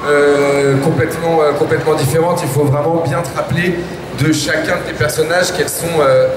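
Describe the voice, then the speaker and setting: A man interpreting on the spot in an informal, halting way. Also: a little high, steady tone. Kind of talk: unscripted consecutive interpreting. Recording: very noisy, echoey room.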